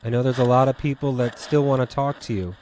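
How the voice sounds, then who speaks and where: A man's voice: mid-range voice, fairly even intonation, fast talker, a little mellow. A man hosting a live spirit session, talking to ghosts, addressing the unseen dead directly with repeated pleas and questions. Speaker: host of a ghost box session. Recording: clear background noise with clicks.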